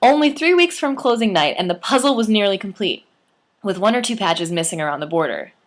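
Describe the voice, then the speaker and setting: In a medium pitch and at a fairly quick pace, a young adult woman reads her memoir aloud. Her storytelling is lively and playful, with expressive emphasis.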